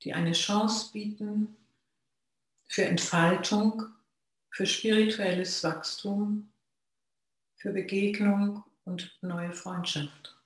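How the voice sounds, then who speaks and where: Reflective dharma talk from a Zen practitioner, unhurried and pausing, heavy room echo. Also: mid-range voice, fairly even intonation. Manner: slow, measured, pausing between phrases. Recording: very echoey room.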